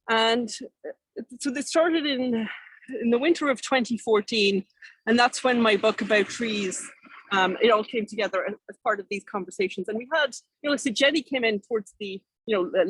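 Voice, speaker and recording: An Irish woman, an artist and activist, gives an informal keynote in a conversational style, often hesitating, correcting herself and rambling. Her mid-range voice is slightly rough, and the low-quality recording has no room sound.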